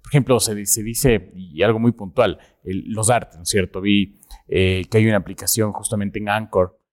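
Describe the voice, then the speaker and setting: Halting low-voiced podcast host. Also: male voice, steady tone. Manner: halting, repeats words, often asks for agreement. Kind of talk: casual podcast conversation.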